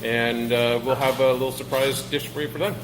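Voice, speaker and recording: A man's voice: medium pitch, little pitch movement, fairly quick, noisy background. A man hosting a cooking segment in a kitchen, upbeat and enthusiastic, speaking straight to viewers. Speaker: host. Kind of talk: casual interview-style cooking segment.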